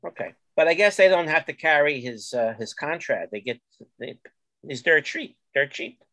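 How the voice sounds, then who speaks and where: A man's voice: on the high side, moderate pace, no echo. A man hosting a casual sports talk show, leading the chat with questions. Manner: lively, leads the talk with questions. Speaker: host.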